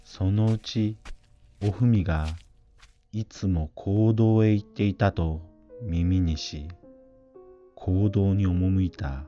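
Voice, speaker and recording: A man narrating a scripted ghost story in a hushed, grave, unhurried manner. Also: low-pitched, dull audio, faint music behind.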